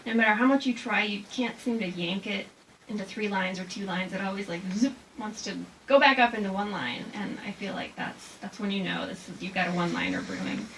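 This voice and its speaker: A woman poet speaks informally at a live poetry reading, with a mid-range voice. She takes her time and is deliberate when reciting short verse. The recording carries clear background noise from the room. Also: mid-range voice, fairly bright tone, distant mic, rough recording. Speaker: haiku poet presenting her work. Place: live reading before a small audience.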